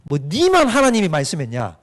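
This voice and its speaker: A man's voice: high voice, huge pitch swings, brisk. A man acting out an indignant older sister challenging her brother. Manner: argumentative.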